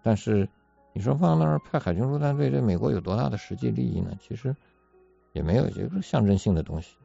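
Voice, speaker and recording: A man talking in a casual political discussion, measured and deliberate, often asking rhetorical questions. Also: mid-range voice, lively intonation, gravelly, warm tone, husky. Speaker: commentator. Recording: dull lo-fi audio with faint music.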